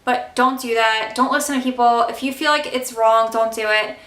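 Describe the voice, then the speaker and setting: A young woman telling a casual storytime vlog, emphatic and fired-up, talking fast with many fillers. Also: a little high, fairly even intonation, fairly bright tone, roomy sound. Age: young adult. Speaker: vlogger.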